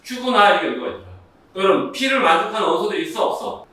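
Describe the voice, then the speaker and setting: High, bright-voiced man teaching math. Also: big pitch swings, fast. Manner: quizzing, repeatedly addressing students. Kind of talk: classroom lecture. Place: classroom. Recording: echoey room, distant mic, faint noise.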